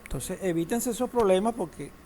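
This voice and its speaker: A man's voice: high-pitched, expressive, a little fast, dark tone. A man teaching a database class, lecturing in a classroom, asking students questions and joking now and then. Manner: asks the class questions, uses humor.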